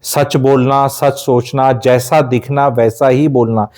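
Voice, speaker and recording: A man's voice: medium pitch, steady tone, slow pace, darkish tone. A man from India giving life advice in an emphatic, lecturing way, dropping English phrases into his talk.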